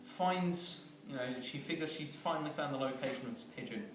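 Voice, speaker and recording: A man rambles through a comic story, chuckling at his own jokes. His voice is set well back from the mic in a very echoey room, with noise clearly audible behind him. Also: mid-range voice, fairly quick, far from the mic. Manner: rambling, chuckling, with many fillers and restarts.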